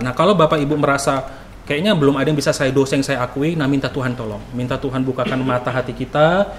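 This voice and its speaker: A man's voice: on the high side, slight background noise. A man preaching a sermon. He keeps addressing the congregation directly and answers his own rhetorical questions. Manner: asks rhetorical questions and answers them himself; exhorting, with frequent direct address to the listeners.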